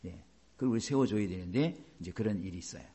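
A middle-aged man preaching a sermon as a pastor, animated, with many rhetorical questions. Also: on the low side, fast talker, husky.

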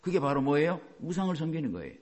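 Animated preaching man. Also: fairly high pitch, fast talker. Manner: animated preaching, acts out quoted voices. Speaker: pastor. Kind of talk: sermon.

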